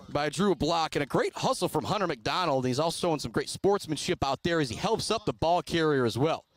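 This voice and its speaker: A man from Michigan doing radio play-by-play of a high school football game, building to shouts on big plays. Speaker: play-by-play announcer. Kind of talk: radio sports commentary.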